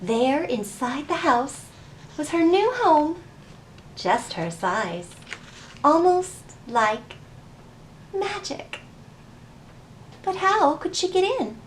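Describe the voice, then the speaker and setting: A woman with a high, very animated voice hosts a children's library storytime, speaking extremely slowly and pausing often. She reads picture books and gives instructions in a sing-song, questioning way. The mic sits at a distance in a roomy space, with faint noise in the background.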